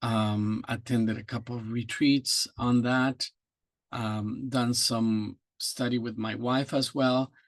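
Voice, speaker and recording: An older man from Guatemala, a guest in a casual video interview, speaking in a measured, reflective way. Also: mid-range voice, little pitch movement, no echo.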